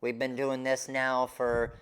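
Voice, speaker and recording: A man's voice: medium pitch, monotone, slow pace, fairly bright tone, smooth. A man hosting a craft live stream, chatting casually and informally with his viewers.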